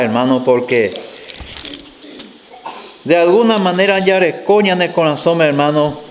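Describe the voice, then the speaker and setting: Slow-preaching man. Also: mid-range voice. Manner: reads scripture aloud and explains it, often saying "hermano". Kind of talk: sermon mixing Spanish and Guarani.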